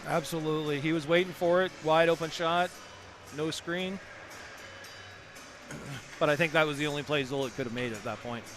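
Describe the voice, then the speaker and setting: A man giving relaxed, chatty color commentary on a hockey game. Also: a little high, moderate pace, long pauses, soft background music.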